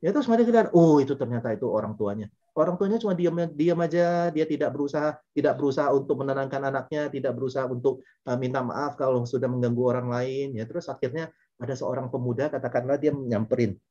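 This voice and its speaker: A man's voice: mid-range voice, fast, warm tone. A middle-aged man giving a Buddhist dharma talk, telling personal stories in a conversational way with frequent fillers and self-corrections. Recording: dull lo-fi recording.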